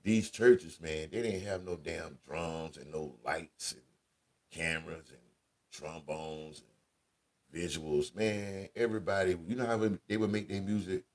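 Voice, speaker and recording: A man with a deep voice, telling casual family stories as a radio show host, laid-back and conversational with slang. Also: steady tone, unhurried. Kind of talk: casual storytelling monologue.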